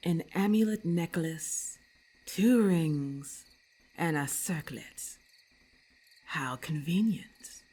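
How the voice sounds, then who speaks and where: Playing an arrogant, predatory female lamia for an ASMR roleplay, a woman uses a low voice with a darkish tone. Her delivery is deliberate, imperious and condescending.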